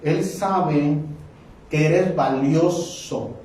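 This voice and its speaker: High-voiced preacher in an echoey hall. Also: male voice, extremely slow, a little mellow. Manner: impassioned preaching, acting out quoted dialogue. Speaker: pastor. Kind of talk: sermon. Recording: echoey hall, mic at a distance.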